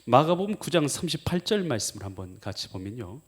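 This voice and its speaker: A man's voice: mid-range voice, fast talker, husky. A male pastor preaching a sermon, keeping the congregation engaged with frequent questions. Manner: animated, quizzes the congregation with questions.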